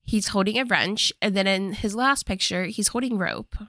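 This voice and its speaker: A woman's voice: medium pitch, moderate pace, bright, forceful tone, dry recording, clean studio sound. A woman casually recapping a movie plot with a friend, throwing in wry jokes.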